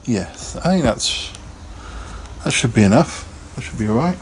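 A man's voice: medium pitch, expressive, a little slow, over music. A man hosting a casual live podcast, chatting in a rambling way and laughing often. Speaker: podcast host.

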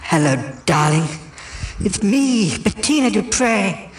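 A man's voice: high-pitched, animated, takes it slowly, slight background noise, pitched above the performer's own voice. A pompous theatrical grande dame, put on by a man, gushing and grand with a fondness for "darling." She dispenses advice with lofty confidence. The sound is roomy and echoey. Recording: roomy echo.

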